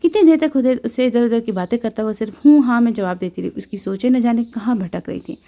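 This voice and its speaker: A woman narrating a romance novel in a calm, even storytelling manner. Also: a little high. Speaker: audiobook narrator.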